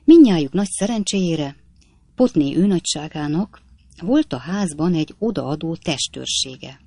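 A woman narrates a classic novel as an audiobook in an even, measured storytelling manner. Her voice sits on the lower side, and the recording is dry and close with no room echo. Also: breathy edge.

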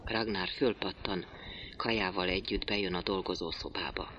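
A man reading a play's stage directions aloud in a quiet, subdued way. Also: sits low, steady tone, dull audio, slight background noise. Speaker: reader.

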